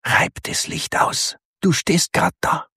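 A man voicing a teasing young woman, speaking in a soft whisper. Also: slow, no room sound, studio quality.

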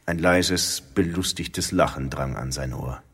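Very deep, husky male narrator. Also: in a large hall. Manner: calm, measured. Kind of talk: scripted narration.

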